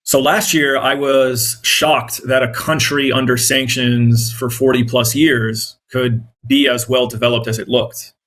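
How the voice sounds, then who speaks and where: A man with a mid-range, fairly bright voice speaks in a flat delivery at a measured pace with hardly any pauses. He has an American accent, was born in Iraq and grew up in the U.S., and as an independent journalist and content creator he answers interview questions earnestly and conversationally.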